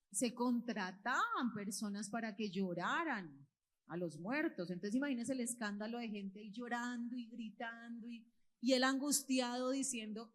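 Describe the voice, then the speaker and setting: A woman with a somewhat high voice, a children's church teacher, gives a lively storytelling sermon to kids and parents in a church hall with children present. She is expressive and quizzes her listeners.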